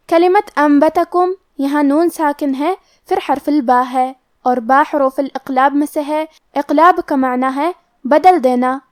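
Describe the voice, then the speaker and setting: A woman's voice: high voice, dry recording, clean studio sound. A woman teaching Quran recitation, methodically explaining the pronunciation rule for each letter step by step. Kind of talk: tajweed lesson, explaining pronunciation rules.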